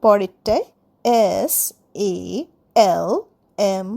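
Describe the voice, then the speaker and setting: A woman teaching vocabulary in a scripted lesson, spelling words letter by letter and reading example sentences very slowly. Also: mid-range voice, creaky, warm tone. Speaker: language teacher.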